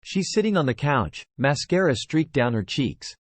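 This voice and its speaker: Man reading an audiobook with lively pitch. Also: normal speed, no echo. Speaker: audiobook narrator. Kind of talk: scripted first-person audiobook narration.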